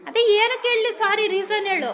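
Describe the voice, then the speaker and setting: High-voiced woman scolding a child. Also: animated, quick pace, crowd noise. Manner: scolding, repeated questions, insistent. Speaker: mother scolding her daughter. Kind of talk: home vlog, scolding a child.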